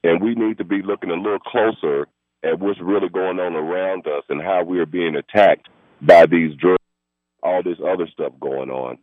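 Calling a radio program by phone, this man speaks in a low register at a moderate pace, pushy and argumentative as he rambles on. There's no room sound; the audio is dry and thin, as heard down a phone line.

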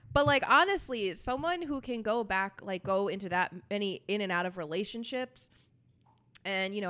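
A woman co-hosting a podcast, speaking bluntly and quickly, swearing freely. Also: medium pitch, a bit bright. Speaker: podcast co-host. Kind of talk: casual chat.

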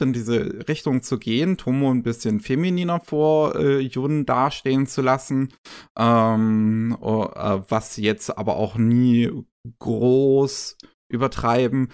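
A man in casual podcast talk, hesitant and full of fillers and restarts as he reviews an anime series. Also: medium pitch.

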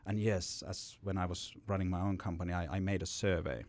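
This low-sitting, darkish voice belongs to a man from Finland who founded a company and is recounting his story for a podcast interview. He talks fairly quickly with fairly even intonation, rambling and frequently repeating words.

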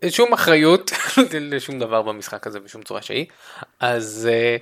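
A man co-hosting a casual podcast chat, telling a game story with lots of laughter. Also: mid-range voice. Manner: animated storytelling, laughs often. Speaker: podcast co-host.

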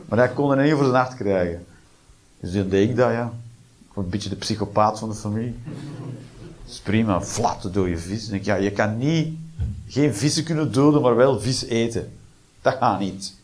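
A man doing a stand-up comedy routine, mixing deadpan dark jokes with sudden shrieked voices. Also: on the low side, normal speed, pauses often.

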